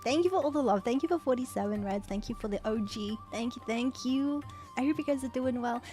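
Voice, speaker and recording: A woman hosting a casual livestream, excitedly thanking viewers and stumbling over her words. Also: on the high side, fairly quick, faint music behind. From Australia. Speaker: livestream host.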